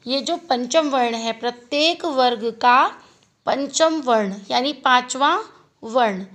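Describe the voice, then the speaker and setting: A woman teaching a grammar lesson, asking questions and answering them herself as she repeats each term slowly. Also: high voice, fairly bright tone, rough recording.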